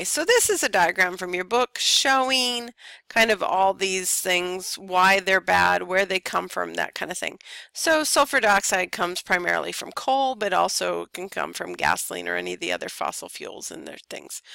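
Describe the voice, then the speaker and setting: A woman's voice: mid-range voice, vocal fry, bright, forceful tone, no echo. A woman teacher giving a casual recorded lecture over slides, tired and yawning, with lots of ums. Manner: casual, chatty, many ums.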